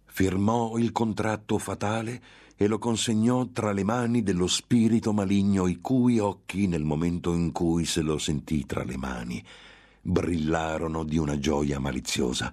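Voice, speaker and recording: A man's voice: deep voice, fairly even intonation, a little slow, a little mellow. A man narrating a gothic tale in a grave, dramatic audiobook reading.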